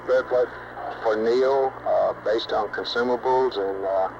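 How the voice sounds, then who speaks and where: A man's voice: medium pitch, fairly even intonation, measured pace, creaky. A man working as a flight director, coordinating a space mission over a radio loop in a businesslike, clipped way. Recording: noisy, dull 1960s mission radio loop.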